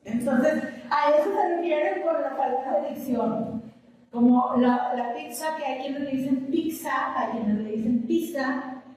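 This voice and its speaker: Woman teacher lecturing her class patiently; high pitch, far off in a long-reverb classroom with faint room noise. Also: unhurried, mellow. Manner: explains patiently with everyday examples and questions to students. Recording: echoey classroom from a distant mic with faint ambience.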